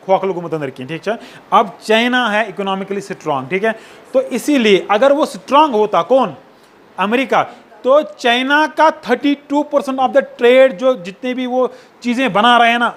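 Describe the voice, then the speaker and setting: High-voiced man lecturing. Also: a bit bright. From Kashmir. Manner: checks understanding with repeated tag questions, mixes in English phrases. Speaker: sociology lecturer. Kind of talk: classroom lecture.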